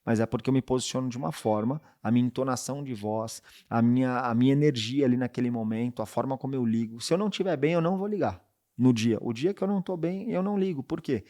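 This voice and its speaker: A man's voice: mid-range voice, quick pace, mellow. Casual man coaching salespeople. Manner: conversational, checks in with frequent tag questions. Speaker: podcast host and sales coach. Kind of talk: casual advice talk.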